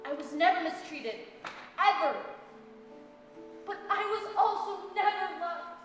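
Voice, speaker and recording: A woman's voice: extremely high pitch, slow pace, music in the background. A woman playing a survivor who was hidden as a child, firm and emphatic, repeating her points on a stage. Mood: bitter. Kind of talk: stage testimony monologue. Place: school stage. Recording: echoey hall, mic far off.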